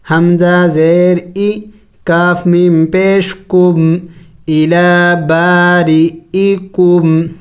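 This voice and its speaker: A man teaching Quran recitation, spelling out letters and vowels slowly, chanting the words drawn out, then explaining the rules in quick asides. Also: sits high, darkish tone. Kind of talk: slow spelled-out tajweed lesson.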